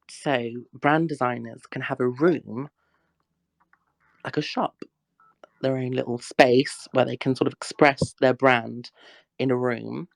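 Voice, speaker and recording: A chatty woman hosts a casual livestream Q&A, reading questions and teasing her audience. Her voice has a gravelly, fry-tinged edge. It sounds close and dry, with no room echo. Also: a bass voice. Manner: chatty, scolds the chat, laughs often. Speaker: livestream Q&A host.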